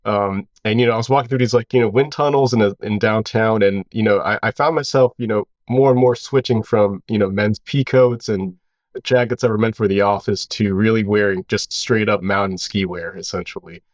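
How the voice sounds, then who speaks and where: A man in his thirties from Hawaii, a brand founder, who tells his story casually in a relaxed, rambling way and fills it with "you know". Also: on the low side, a little fast, dry recording, lo-fi sound. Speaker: founder of a clothing brand, guest.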